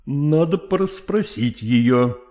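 A man's voice: a little high, lively intonation, slow pace, darkish tone, pitched above the performer's own voice. A man voicing a condescending, evasive professor who soothes and patronizes a jealous woman, reading an audiobook. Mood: patronizing. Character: condescending middle-aged male professor, evasive.

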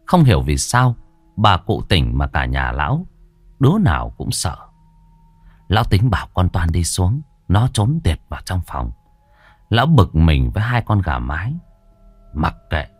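A man narrating a ghost story with a dramatic, drawn-out delivery. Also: low voice, darkish tone, slightly rough, dry recording.

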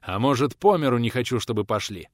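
A gruff, irritable old pensioner barks brusque orders, as a man acts him out. His delivery is lively in pitch and recorded dry and close. It is an audiobook reading. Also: brisk, dry recording, close to an everyday voice. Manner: brusque, commanding.

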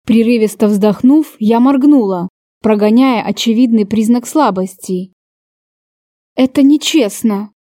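A woman's voice: a little high, a little slow, mellow, no room sound, clean studio sound. A woman reading a first-person novel aloud with emotional, dramatic delivery. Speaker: audiobook narrator.

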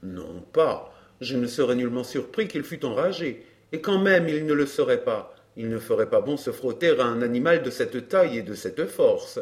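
A man reading a calm young gentleman in an audiobook, explaining in a measured way. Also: mid-range voice, lightly acted.

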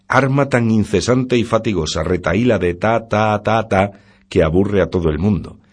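Man, audiobook narrator, measured storytelling, very low pitch, husky. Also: a little mellow. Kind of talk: scripted narration of a classic novel.

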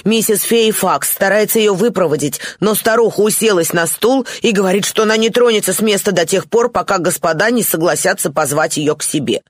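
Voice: mid-range voice, brisk, hardly any pauses, no room sound, clean studio sound, voice pushed up, lightly acted. A reader voicing a deferential, uneasy male footman reporting to his masters, in an audiobook.

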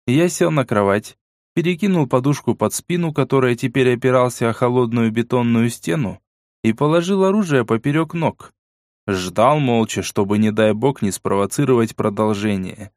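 Brief: male audiobook narrator, mid pitch, even matter-of-fact delivery, dry close studio sound. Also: no room sound. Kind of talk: first-person audiobook narration.

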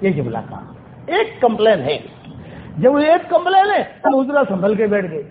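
A man's voice: high-pitched, wildly swooping pitch. A man giving a Friday sermon in a mosque, retelling stories with quoted dialogue and emphatic repetition. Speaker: preacher. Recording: tinny phone-like sermon recording with faint hiss.

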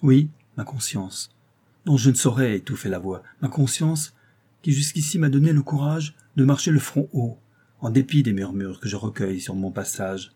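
A man's voice: mid-range voice, lively intonation, moderate pace, warm tone, slightly rough. A man voicing a proud, dutiful young noblewoman in an audiobook, reading her lines in an earnest, declamatory way. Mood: resolute.

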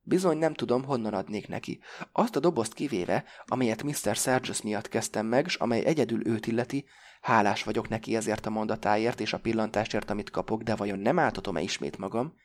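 A man voicing a gentle but firm female flight attendant. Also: on the low side, lightly acted. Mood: apologetic.

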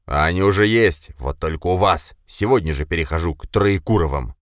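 A blustering, stout middle-aged man bellows crude threats, played by a male audiobook reader. The voice sits deep and low, rough with anger, and is recorded dry and close. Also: brisk, dry recording, lightly acted. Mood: enraged. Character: fat hot-tempered middle-aged man, furious bully.

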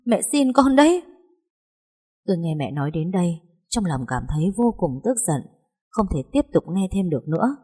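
A woman narrating a first-person story audiobook with a steady, expressive reading. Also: low voice, a little fast, breathy edge.

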